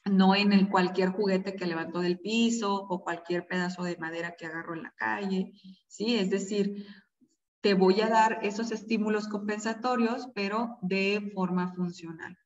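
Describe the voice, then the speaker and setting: A woman's voice: medium pitch, fairly even intonation, moderate pace. Distant echoey woman teaching a class. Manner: conversational, many fillers, checks in with the audience. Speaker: parenting class instructor. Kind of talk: online class lecture. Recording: distant, echoey, dull sound.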